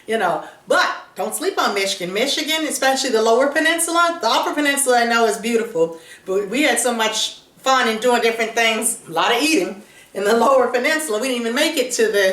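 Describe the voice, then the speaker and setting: A woman talks in a casual, upbeat, chatty way, full of fillers, as host of her vlog. Her voice sits a little high. She is recorded from some distance in an echoey room. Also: lively intonation, fast talker, fairly bright tone. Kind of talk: casual chat. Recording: roomy echo, mic at a distance.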